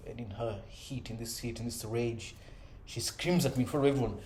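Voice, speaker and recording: A man's voice: mid-range voice, a little fast, darkish tone. A man in his thirties, a father, speaking earnestly in a conversational self-improvement monologue, often adding "you know" and "right?". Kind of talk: reflective personal monologue. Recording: echoey room with faint ambient noise.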